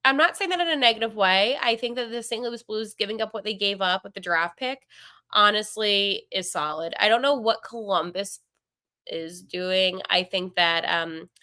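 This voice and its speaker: A woman hosting a sports podcast, talking casually and with strong opinions, full of fillers and quick asides. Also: mid-range voice, pushed and bright, dry recording, studio quality. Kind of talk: casual solo podcast commentary.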